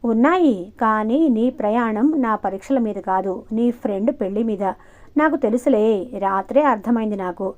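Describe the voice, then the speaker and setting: A woman's voice: a little high, normal speed, natural voice. A woman voicing a bossy, defiant young female student who talks sharply, in audiobook dialogue. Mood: demanding. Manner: sharp, demanding. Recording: muffled lo-fi recording.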